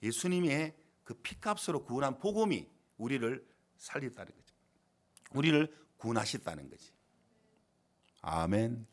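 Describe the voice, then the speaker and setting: A man's voice: mid-range voice, sing-song, moderate pace. A male pastor delivering a sermon, emphatic, with rhetorical questions and retold stories. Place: church sanctuary.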